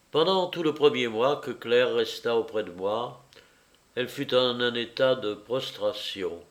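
A man reading a novel aloud as an audiobook narrator, in a measured, deliberate manner. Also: medium pitch.

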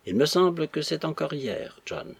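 A man reading aloud and voicing a gentle older mother who fusses at her husband mildly. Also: a little high, very animated, moderate pace, gravelly, husky, no room sound, voice pushed up, heavily acted. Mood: fussing. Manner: mildly reproachful.

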